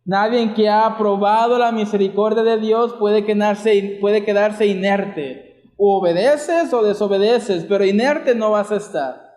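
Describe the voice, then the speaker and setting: High-voiced Mexican preacher, echoey church. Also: male voice, unhurried, darkish tone. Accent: Mexican Spanish. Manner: preaching with rhetorical questions, retelling scripture in everyday terms. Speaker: pastor. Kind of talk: sermon.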